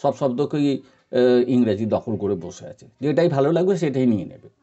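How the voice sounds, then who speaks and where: A man from India talks through a lesson. His voice is very dark and mellow, and his patient, repetitive advice comes with many pauses and fillers. The recording sounds dull and lo-fi. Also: medium pitch, expressive. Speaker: teacher giving advice. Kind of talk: informal spoken lesson.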